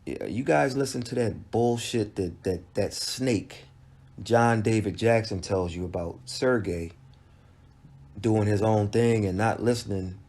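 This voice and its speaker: A man giving a halting solo recap of a boxing match, with frequent restarts and fillers. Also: fairly low pitch, a little mellow. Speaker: boxing commentator.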